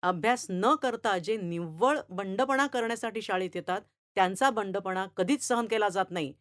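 A woman voicing a stern, irritable male schoolteacher who scolds and lectures loudly in a read-aloud story. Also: mid-range voice, moderate pace, no room sound, clean studio sound, lightly acted. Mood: lecturing. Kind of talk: storytelling reading.

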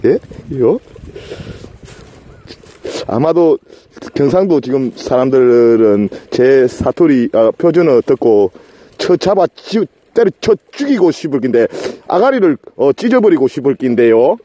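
Gyeongsang-accented man, husky and mellow, lively pitch, stammers and jokes while he chats outdoors. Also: a little slow, dull audio. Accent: Gyeongsang Korean. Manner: joking, stammering, rambling. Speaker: vlogger and live streamer. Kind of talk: casual outdoor chat to viewers. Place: outdoors in a rural garden.

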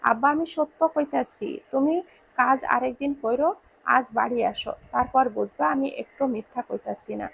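A woman's voice: high-pitched, moderate pace, vocal fry, a bit bright, slightly rough, heavily acted, rough recording. A woman doing a scolding village mother. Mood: coaxing. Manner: scolding, then coaxing. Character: doting village mother, teasing and warm.

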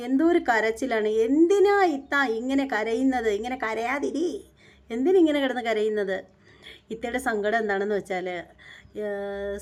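A woman hosts her own reaction channel, talking straight to her viewers. Her voice sits a little high, and she chats on in a loose, repetitive way, turning indignant now and then. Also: a little mellow. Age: 40s. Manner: chatty, repetitive, sometimes indignant. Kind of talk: casual monologue to viewers.

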